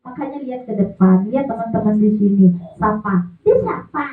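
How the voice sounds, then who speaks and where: A woman's voice: mid-range voice, fairly quick, echoey room, phone-quality sound. A young woman entertaining children at a religious school gathering, coaxing them in a sing-song teacher voice.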